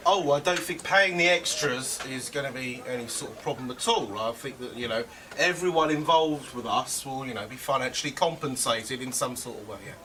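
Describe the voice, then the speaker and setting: A man's voice: medium pitch, fairly quick, few pauses, sharp tone, a little hiss or hum. An English man, an amateur film-maker in a mockumentary comedy, talking in a vague, rambling, evasive way.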